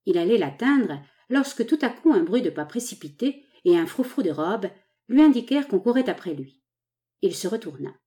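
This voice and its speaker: A woman reads a romantic novel aloud with measured, dramatic pacing. Her tone is mellow and warm, and her pitch sits in an ordinary middle range. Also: big pitch swings. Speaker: audiobook narrator. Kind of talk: scripted novel narration.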